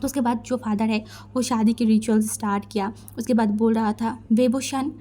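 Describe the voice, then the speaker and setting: Chatty woman storyteller, mellow voice. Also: fairly high pitch, level tone, a little fast. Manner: chatty, conversational, mixing in English words. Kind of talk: casual fan fiction storytelling.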